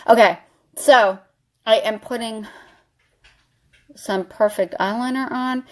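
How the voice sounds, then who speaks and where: A woman's voice: a little high, takes it slowly. Chatty woman vlogger telling a story. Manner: chatty, animated, full of "like". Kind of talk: casual storytelling while doing makeup.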